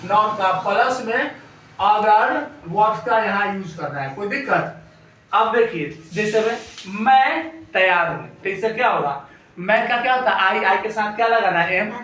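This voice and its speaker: High-voiced Indian teacher in an echoey room. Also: male voice, animated, unhurried, sharp tone, recorded from a distance, slight background noise. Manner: asks the class rhetorical questions and repeats answers. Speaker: English teacher. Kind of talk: classroom grammar lesson.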